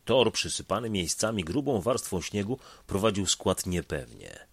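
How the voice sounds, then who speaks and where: A man reading a dramatic story aloud, swinging between loud passages and hushed ones. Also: sits low, moderate pace, gravelly, slightly rough. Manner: expressive, shifts between loud and hushed delivery. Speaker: narrator.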